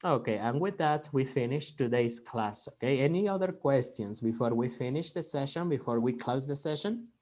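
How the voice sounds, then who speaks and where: A man's voice: medium pitch, lively intonation, unhurried, hardly any pauses, darkish tone. A man with a Mexican Spanish accent teaching an online English class, switching between Spanish and English and checking in with "ok?" after nearly every phrase.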